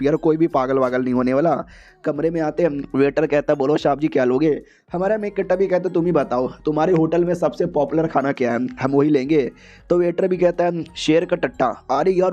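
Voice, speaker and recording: A man's voice: a little high, dark tone. A man casually retelling a comic story in a slangy, joking way. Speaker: story recap narrator. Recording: dull recording with faint music.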